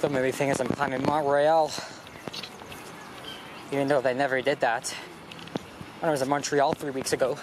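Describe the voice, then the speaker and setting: A man's voice: mid-range voice, level tone, normal speed, pauses often. A man hosting a walking vlog, chatting to himself and his viewers while he climbs, a bit out of breath, recorded outdoors in a city park. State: winded from climbing. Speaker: vlog host. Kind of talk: casual walking commentary. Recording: outdoor street noise, traffic behind.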